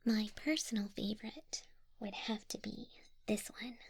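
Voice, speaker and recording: Gentle, helpful Leafeon shopkeeper, played by a woman, whispered and unhurried with a creaky edge, for an ASMR roleplay. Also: mid-range voice, slight background noise, lightly acted. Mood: soothing. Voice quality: soft whisper. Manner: soothing, unhurried shopkeeper talk. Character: gentle female Leafeon florist, calm and helpful.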